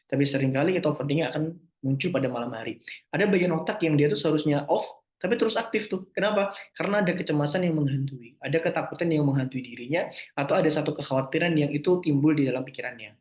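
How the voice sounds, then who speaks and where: A young man answering listener questions in a casual talk, gentle and reassuring, often forgetting terms and restarting. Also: fairly high pitch, fast, reverberant.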